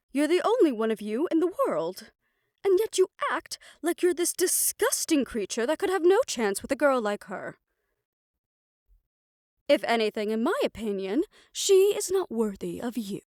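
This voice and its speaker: A woman's fairly high-pitched voice voices a stern, protective doctor, formal, measured and faintly haughty, who is softly fond of the listener in an audio roleplay. It sounds studio quality, though the recording has a roomy echo.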